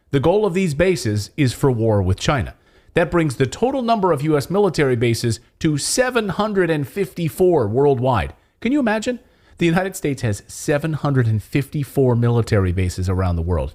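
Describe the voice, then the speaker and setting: A man delivers opinionated news commentary as a show host. His pitch moves in a very animated way, dipping and leaping for emphasis. He sounds conspiratorial and distrustful, with sarcastic, mocking asides. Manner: conspiratorial, alarmed distrust of officials and media.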